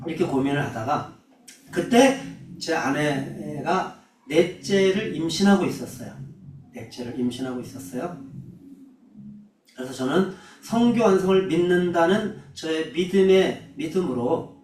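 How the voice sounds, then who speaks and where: High-voiced preacher in an echoing hall. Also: male voice, expressive, unhurried, a little mellow. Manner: earnest, personal storytelling then solemn exhortation. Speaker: missionary preacher. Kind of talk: sermon. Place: church hall. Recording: roomy echo, mic at a distance.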